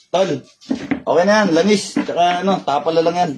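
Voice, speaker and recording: A man's voice: sits high, measured pace. A man leading a healing session as a faith healer, sternly scolding and pressing with repeated questions. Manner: stern, keeps demanding "ha?". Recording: noisy room recording.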